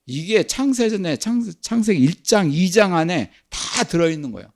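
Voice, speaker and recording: A man's voice: high voice, big pitch swings, moderate pace. An older man preaching a sermon as pastor, asking and answering his own questions.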